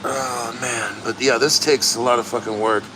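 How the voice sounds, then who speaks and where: A man chatting casually and bluntly to livestream viewers, earnest and straining through the cold as he sits neck-deep in an ice plunge. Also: fairly even intonation, normal speed, noisy background. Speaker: livestream host.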